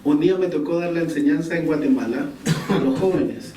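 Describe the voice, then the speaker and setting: A man's voice: a little high, fairly quick, dark tone. A man preaching a sermon to a congregation, telling a personal story and putting questions to his listeners. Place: church hall. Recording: echoey church room, distant mic, faint noise.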